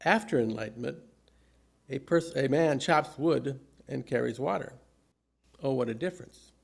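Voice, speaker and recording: Gravelly older man preaching with gentle humour. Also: mid-range voice, moderate pace. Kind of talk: humorous sermon with anecdotes, read from notes.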